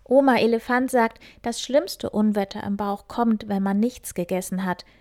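A woman's voice: medium pitch, moderate pace, natural voice. A woman voicing a kind, caring male fox in a storybook reading, raised above her narration. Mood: earnest. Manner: lifted, louder than the narration. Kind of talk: storybook character voice.

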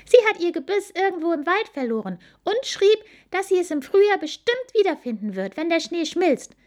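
A woman voicing a cheerful young wild boar girl in a storybook reading, chatty and lively. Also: very high-pitched, moderate pace, pitched above the performer's own voice.

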